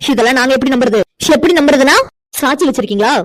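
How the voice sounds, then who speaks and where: A woman's voice: high-pitched, racing, no room sound. A woman voicing a defiant young woman in a cartoon, indignant and lecturing as she defends her friend. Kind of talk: cartoon voice acting.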